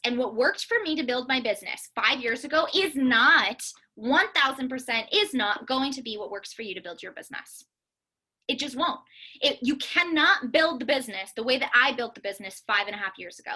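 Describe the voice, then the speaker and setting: A business coach leads a team call with a motivational talk, her high-pitched voice pushed and bright, with lively intonation and a normal pace. She speaks earnestly and emphatically, repeating phrases for stress.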